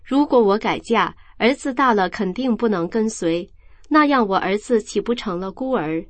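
A woman reading a first-person account aloud in a calm, measured storytelling voice. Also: mid-range voice, no echo.

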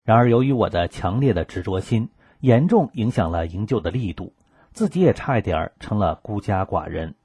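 Guy with a really breathy husky voice, lowish, reading a story for radio, dry close sound. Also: no room sound. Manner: calm, measured storytelling reading. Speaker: radio reader. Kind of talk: scripted first-person narration.

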